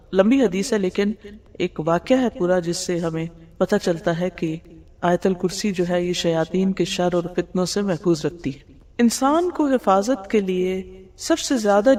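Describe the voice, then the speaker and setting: A woman's voice: lowish voice, dark tone. A woman giving a religious lecture, explaining hadith, asking rhetorical questions and mixing in English words. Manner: mixes English words into her talk. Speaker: Islamic teacher. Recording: long hall reverb.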